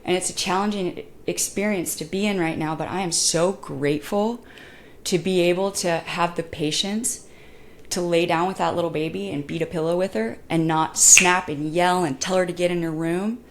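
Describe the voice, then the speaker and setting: A young woman co-hosting a podcast, telling personal stories in a candid, animated way and acting out voices as she goes. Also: lowish voice, moderate pace, slight background noise. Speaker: podcast co-host and motorcycle racer. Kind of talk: casual podcast conversation.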